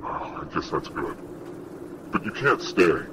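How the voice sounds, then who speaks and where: A man's voice: deep voice, very animated, measured pace. A man playing an anonymous caller whose voice is altered by an electronic voice changer, urgent and pleading, heard over a phone line. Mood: frantic warning. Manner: urgent, pleading, swinging from hushed to shouting. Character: frantic anonymous male caller, warning desperately. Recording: noisy late-night phone call.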